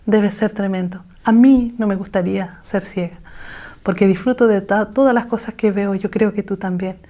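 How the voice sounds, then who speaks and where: A woman's voice: mid-range voice, steady tone, normal speed, warm tone. A woman teaching an online women's Bible lesson over a video call, urging her listeners and asking them rhetorical questions.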